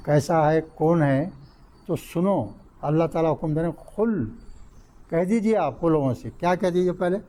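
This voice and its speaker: A man's voice: on the high side, mellow. A man, teaching an Arabic grammar class and quizzing students with repeated questions, mixing in English terms. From India. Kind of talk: classroom lecture. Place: mosque classroom.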